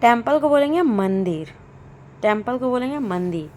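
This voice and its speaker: A woman teaching English vocabulary, saying each word and its meaning twice in a slow, deliberate drill. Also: on the high side, animated, mellow.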